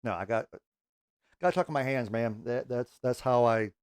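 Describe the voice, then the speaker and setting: A man's voice: medium pitch, moderate pace, smooth, dry recording, studio quality. A middle-aged man hosting a music reaction channel, chatting casually to camera in a rambling, self-correcting way and swearing now and then.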